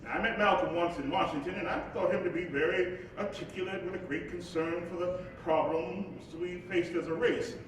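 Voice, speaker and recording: A man acting on stage as an eloquent civil rights leader, speaking in a measured, preacherly cadence with reflective, wry humour. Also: sits high, steady tone, lightly acted. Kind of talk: staged reading of a stage play, oratorical monologue. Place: live performance in an echoing hall. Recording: very echoey hall, distant mic, faint noise.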